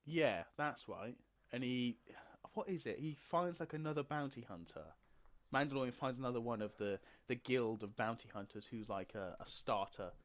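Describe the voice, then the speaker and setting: Man, podcast co-host, casual chat, lively pitch, laughs a lot. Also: normal speed. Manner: laughs often, excitable.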